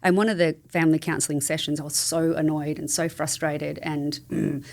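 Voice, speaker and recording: A woman's voice: low-pitched, little pitch movement, fairly quick, gravelly, darkish tone. A woman speaking as a podcast guest in a casual conversation, with an earnest, candid and affirming manner. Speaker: podcast guest, family support coach.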